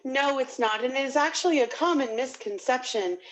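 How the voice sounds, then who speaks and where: A woman's voice: sits high, fairly quick, natural voice, low-quality recording. A woman playing a courteous, apologetic call center agent in improvised customer service talk. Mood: polite, helpful. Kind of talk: improvised customer service phone role-play.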